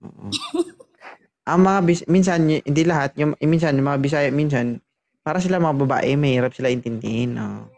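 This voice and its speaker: A man's voice: on the high side, normal speed, creaky, darkish tone. A man hosting a matchmaking show, bantering and teasing his guests. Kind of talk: casual chat.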